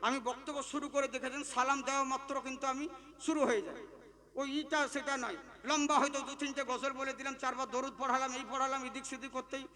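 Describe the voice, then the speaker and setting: High, bright fast-talking preacher. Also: male voice, steady tone. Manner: rapid, chanting emphatic delivery with joking asides. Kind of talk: fast-paced Bengali waz sermon. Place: outdoor religious gathering on a stage. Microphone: stage microphone.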